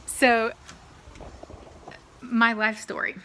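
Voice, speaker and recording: A woman's voice: on the high side, little pitch movement, very slow, noisy background. A New Zealand woman in her thirties telling her life story casually to the camera, with many ums and easy laughs.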